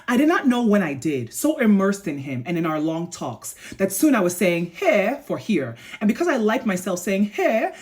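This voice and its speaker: Animated, sassy woman reviewing a book. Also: mid-range voice. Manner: animated and sassy, talking straight to viewers. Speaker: book club host. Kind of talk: casual book review vlog with read-aloud passages.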